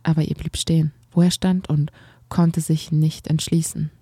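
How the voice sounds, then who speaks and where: Female audiobook narrator, calm and measured, dark mellow voice, dry booth sound. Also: low-pitched, husky, no room sound. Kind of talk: scripted storybook narration.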